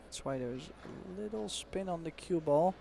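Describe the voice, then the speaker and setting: A man giving expert analysis on a pool match as co-commentator, explaining shots in a measured way with casual fillers. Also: on the high side, animated, gravelly, warm tone, a little hiss or hum. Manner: explanatory, measured, uses fillers like "you know".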